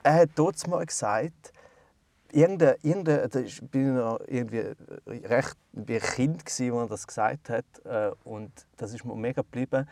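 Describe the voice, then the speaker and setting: A man's voice: mid-range voice, darkish tone, dry recording. Playful rambling Swiss German man. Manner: playful, rambling, hesitant with many fillers. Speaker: podcast co-host. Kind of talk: casual banter.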